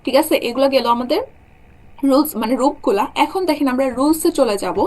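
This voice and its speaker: Young woman teacher, high voice, goes through grammar rules bit by bit, keeps asking if u got it. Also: fairly quick, darkish tone. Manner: explains step by step, keeps checking students follow. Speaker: German language teacher. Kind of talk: online class lecture.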